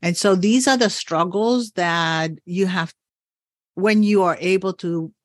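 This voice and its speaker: A woman's voice: fairly low pitch, takes it slowly, dry recording, studio quality. A woman hosting a podcast as a coach, talking thoughtfully and encouragingly with frequent laughs. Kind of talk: reflective podcast conversation.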